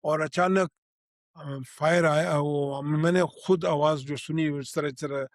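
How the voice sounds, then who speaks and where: An older man tells what he saw in a halting spoken recollection, full of restarts and pauses. His voice sits fairly high for a man. The recording is close and dry, with no room sound. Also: steady tone, no echo. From Pakistan. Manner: halting, with many restarts and fillers. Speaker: eyewitness.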